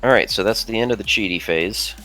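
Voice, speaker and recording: A man with a low voice jokes his way through his turn in a virtual tabletop match. He laughs often, and faint music plays in the background. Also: fairly quick, sharp tone. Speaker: player. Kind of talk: casual chat while playing.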